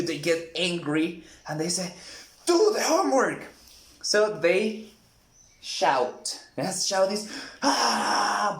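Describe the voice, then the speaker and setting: A man teaching English vocabulary in a lesson, acting out each example in an animated way. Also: on the high side. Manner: slow, animated, acts out examples. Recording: echoey room.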